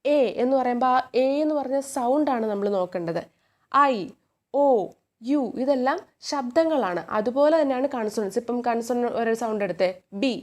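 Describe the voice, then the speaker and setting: A woman with a Malayali accent teaching an English grammar lesson, patiently asking the listener questions and repeating examples slowly. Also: fairly high pitch, animated, darkish tone.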